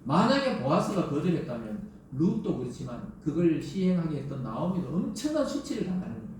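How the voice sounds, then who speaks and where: A man's voice: a little high, sing-song, fast, darkish tone, a little hiss or hum. A man preaching a Sunday sermon as pastor, telling the story vividly and acting out the voices of scripture. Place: church sanctuary. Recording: echoey church hall, distant mic.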